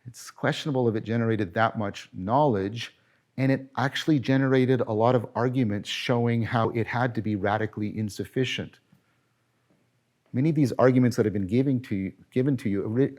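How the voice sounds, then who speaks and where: In this philosophy lecture, a middle-aged man speaks in a mid-range voice. He is animated and emphatic, frequently correcting himself and throwing out rhetorical questions.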